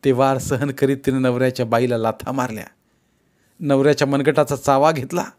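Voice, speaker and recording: A man reads a short story aloud at a mid pitch. His delivery is steady and expressive, and he keeps the narration moving. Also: fairly quick. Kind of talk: storytelling reading.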